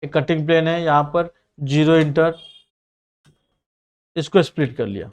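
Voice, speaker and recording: A man with a slightly high voice walks students through a ring design in CAD software, narrating each click and command as he goes. He explains plainly and directly to his learners, with a Mumbai Hindi accent. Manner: says he sometimes talks fast. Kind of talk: screen-recorded software tutorial.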